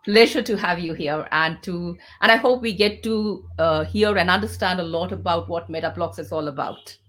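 A woman hosting an online Q&A session as a podcast host, speaking in formal, measured phrases with frequent pauses. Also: on the low side, fairly bright tone.

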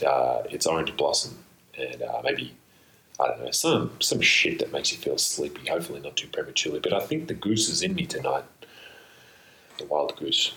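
A man's voice: very deep voice, creaky. A man hosting a podcast alone, talking through a built-in laptop mic instead of a proper microphone, in a playful, meandering way with whispered asides. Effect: recorded through a built-in laptop mic instead of a proper microphone. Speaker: podcast host. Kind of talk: rambling solo podcast monologue. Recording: roomy, echoey laptop-mic recording.

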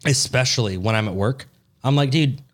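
A man's voice: mid-range voice, moderate pace. A man co-hosting a podcast in casual chat, swearing freely and teasing his co-host with mock outrage.

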